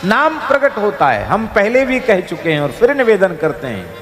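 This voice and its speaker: High-pitched guy preaching slow, chants verses now and then, big hall echo, faint music under it. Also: wildly swooping pitch. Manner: emphatic, rising and falling delivery. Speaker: spiritual preacher. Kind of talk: devotional discourse. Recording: reverberant hall with soft music.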